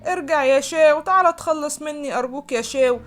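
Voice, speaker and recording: A woman's voice: quick pace, fairly bright tone, faint music behind. A woman voicing a frightened, pleading young woman. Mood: pleading, tearful. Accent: Egyptian Arabic. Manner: high, pleading and tearful.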